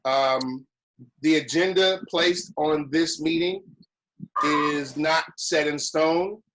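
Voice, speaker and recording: Relaxed male host, slightly higher voice, easygoing "copy that" call-and-response. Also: slow, slight background noise, poor audio. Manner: relaxed, repeats "copy that" radio-style. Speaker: online lodge meeting host. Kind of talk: casual meeting chat.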